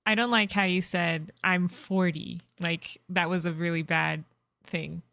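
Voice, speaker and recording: Playful woman player, bright and dry close sound. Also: lowish voice, unhurried, creaky, no room sound. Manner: giggly, playful. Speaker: tabletop game player. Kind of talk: casual chat.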